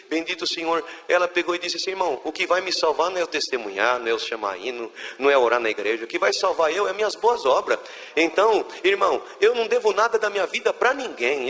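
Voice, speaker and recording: A man's voice: on the high side, fairly bright tone, in a large hall, slight background noise. A man with a Brazilian Portuguese accent giving a spoken religious testimony in church, telling the story fervently and acting out the words of the people in it.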